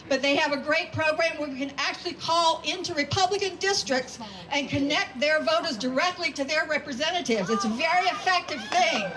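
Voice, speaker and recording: A woman's voice: sits high, bright, forceful tone, slight background noise, poor audio. A woman giving an emphatic, rousing rally speech to a crowd, repeating phrases for effect. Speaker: rally speaker and community organizer.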